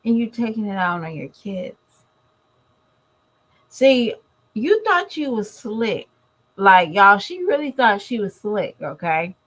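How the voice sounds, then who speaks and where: Speaking to camera in a casual vlog, a tired, congested woman chats with her viewers directly. Her voice is medium in pitch and a bit bright.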